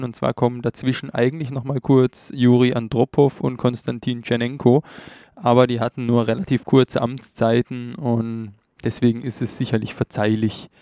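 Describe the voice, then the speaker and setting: A man's voice: medium pitch, mellow, dry recording, studio quality. A man narrating a travel story as a vlogger, chatty and wry.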